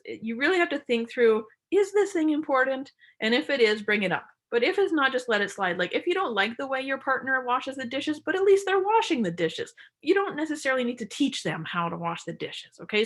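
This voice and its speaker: A woman's voice: fairly high pitch, fairly bright tone. A woman giving a psychology workshop lecture, explaining casually and acting out short example quotes.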